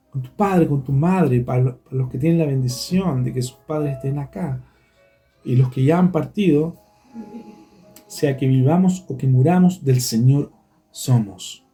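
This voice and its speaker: A man's voice: on the high side, mellow. A man preaching a sermon as pastor. He speaks earnestly and keeps turning back to address the congregation directly.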